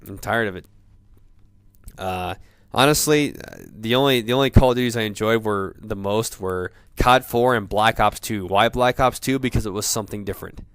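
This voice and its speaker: A man in a profane off-the-cuff gamer rant, sounding drunk, rambling haltingly and repeating himself. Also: on the low side, a bit bright, clean tone, dry recording, clean studio sound. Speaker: gamer ranting about video games.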